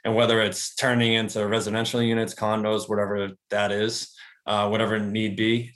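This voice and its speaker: Man, early thirties, somewhat low pitch, casual interview guest, rambling, filler-heavy. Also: moderate pace. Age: 30s. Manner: relaxed, rambling, many fillers and restarts. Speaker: real estate agent and investor, guest.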